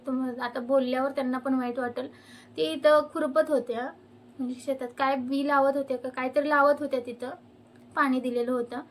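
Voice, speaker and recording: A young woman, venting her fed-up complaints about neighbours straight to her viewers as a vlogger. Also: sits high. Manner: fed-up ranting. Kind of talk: complaining to camera.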